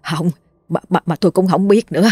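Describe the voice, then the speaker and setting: A woman's voice: fairly low pitch, a little fast, dark tone, husky, no echo. A woman doing a stammering, frightened old man. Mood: terrified stammer. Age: older. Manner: stammering, trembling. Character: frightened older man, guilty civil servant.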